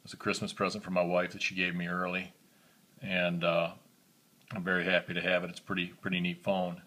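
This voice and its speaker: A man with a monotone voice, talking casually through a knife review for his vlog, recorded on a phone camera. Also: low voice, fairly quick. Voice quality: monotone, self-described.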